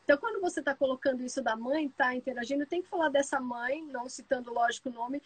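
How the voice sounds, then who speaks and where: A woman with a Brazilian Portuguese accent hosting a live stream, telling stories fast and full of asides. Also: high-pitched, breathy edge, rough recording. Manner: lively storyteller, talks fast with many asides. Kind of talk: casual live chat.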